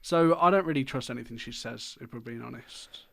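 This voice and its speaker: A man's voice: mid-range voice, fairly quick, vocal fry. A young man with a mid-range voice co-hosts a casual podcast. He argues earnestly and stubbornly and adds dry jokes. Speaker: podcast co-host. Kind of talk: casual chat. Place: podcast studio.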